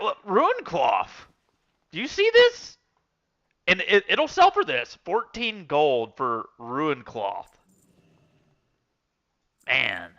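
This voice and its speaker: A man with a fairly high, bright voice, chatting through a gaming stream. He rambles and restarts as he tells his stories. The sound is dull and lo-fi. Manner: rambling storytelling, many restarts and fillers. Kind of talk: casual gaming stream chat.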